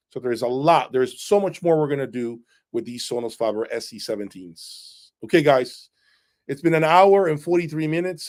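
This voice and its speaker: During an unscripted livestream, an audio reviewer and channel host responds to viewers' questions in an emphatic, opinionated style, repeatedly checking in with "okay?". His voice is medium-pitched and a little mellow.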